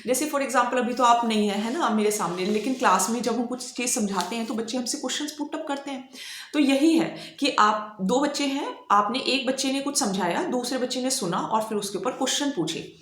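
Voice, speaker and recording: A woman's voice: fairly high pitch, brisk, fairly bright tone, roomy sound. A woman teaching an online exam-prep lecture. She switches between Hindi and English and keeps checking in with "okay" as she explains.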